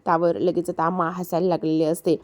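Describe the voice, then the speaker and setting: A woman casually retelling a TV serial episode, repeating herself often and pausing with hesitant fillers. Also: lowish voice, flat delivery. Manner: repetitive storytelling with frequent hesitation fillers. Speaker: serial recap narrator.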